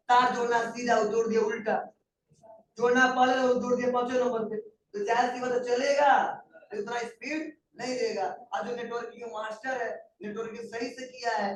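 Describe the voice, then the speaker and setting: A man's voice: very high voice, fairly even intonation, brisk, distant mic, slight background noise. A man teaching a computer class in a conversational lecture style, often asking the students questions. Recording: echoey room, voice from afar.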